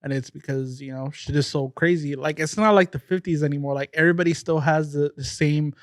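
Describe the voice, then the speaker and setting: A man's voice: on the high side, fairly even intonation, fairly quick, no echo, clean studio sound. A man co-hosting a podcast in casual chat, arguing his views bluntly and swearing now and then. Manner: argumentative, blunt, curses. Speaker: podcast co-host.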